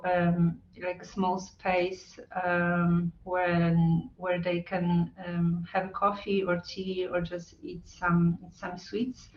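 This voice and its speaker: A woman representing a hub speaks on a video call in a lowish voice, halting and filling her hesitant talk with frequent ums and uhs. The call audio sounds roomy, distant, and muffled.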